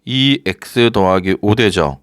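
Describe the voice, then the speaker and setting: A man teaching a recorded high-school math lecture, talking students through each step and often checking with rhetorical questions. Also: slow, dry recording, studio quality. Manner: lively, coaxing, asks rhetorical questions.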